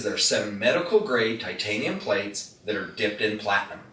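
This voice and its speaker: A man's voice: mid-range voice, fairly bright tone. A middle-aged man giving a live product demonstration, joking and asking the audience questions as he tells a story. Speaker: product presenter. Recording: echoey room, distant mic, faint noise.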